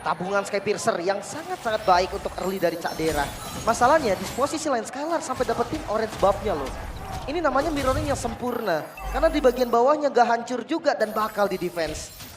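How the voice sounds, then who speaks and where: An Indonesian man works as an esports co-commentator, his voice pitched high. He delivers energetic analysis at a brisk clip over clearly audible music.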